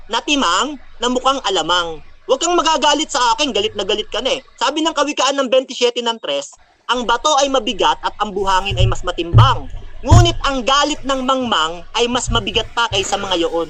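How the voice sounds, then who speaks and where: A preacher with a very high-pitched, expressive voice speaks briskly in a heated rant after a religious debate. He taunts and mocks his opponent, laughs at him, and quotes Bible verses between jabs.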